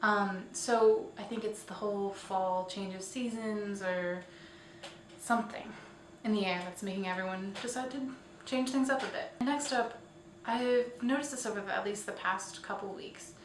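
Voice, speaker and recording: Working loosely from a scripted outline, the host of a weekly online show chats in casual vlog style, a little hesitant, as though thinking out loud. Her mid-range voice moves at normal speed with fairly even intonation, picked up by a distant mic in a roomy space with slight background noise.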